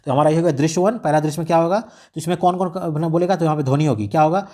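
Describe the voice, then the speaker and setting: Fast-talking man explaining step by step. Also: on the high side, warm tone. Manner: explains step by step, repeating and rephrasing. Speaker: exam tutor. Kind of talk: explaining a radio script in a lesson.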